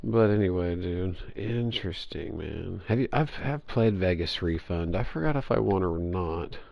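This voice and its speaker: A man with a very low, gravelly voice talks loosely over a gaming headset, rambling, cursing and circling back on his sentences. The audio is dull and lo-fi. It is also dry, with no room sound around it. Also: expressive, normal speed, no echo. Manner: rambling, profane, with frequent restarts. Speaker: online gamer chatting while playing. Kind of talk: casual gaming chat.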